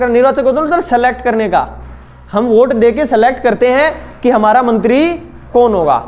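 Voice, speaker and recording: A young man teaching a school class, explaining terms step by step and asking his students questions. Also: high-pitched. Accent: Hindi-English mix. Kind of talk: classroom lecture.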